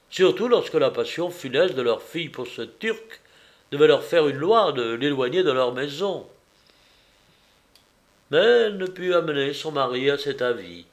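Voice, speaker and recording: A man narrating a novel aloud in a measured, even reading voice. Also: medium pitch. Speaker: audiobook reader.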